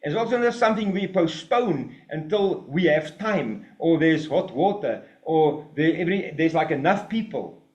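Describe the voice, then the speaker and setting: A man's voice: fairly high pitch, moderate pace, dull audio. Male preacher, emphatic sermon delivery with sarcastic asides, echoing room. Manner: animated, emphatic, mocking asides. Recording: roomy echo.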